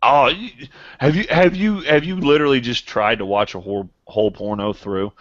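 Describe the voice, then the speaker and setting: A man's voice: mid-range voice, normal speed, a bit bright, no room sound. Joking man stumbling over his words. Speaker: podcast co-host. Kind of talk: casual chat. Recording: dull lo-fi podcast audio.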